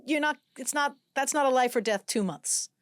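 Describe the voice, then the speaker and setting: A woman hosting a podcast interview, speaking calmly and evenly and adding supportive comments. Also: high voice, moderate pace, dry recording, clean studio sound. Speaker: podcast host. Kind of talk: interview conversation.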